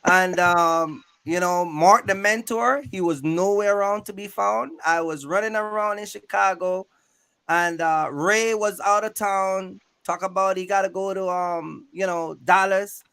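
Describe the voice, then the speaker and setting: A high, gravelly yet smooth male voice, bright and forceful, moves a little slowly with fairly even intonation. As a YouTube host casually interviewing a guest on trucking, he wanders and repeats himself, uses streetwise slang, and keeps checking in with the listener.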